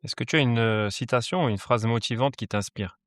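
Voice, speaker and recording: A man hosts a podcast and puts casual questions to his guest. His pitch is ordinary and his delivery brief and relaxed. The recording is dry, with faint music behind him. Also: fairly quick, no echo. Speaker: podcast host.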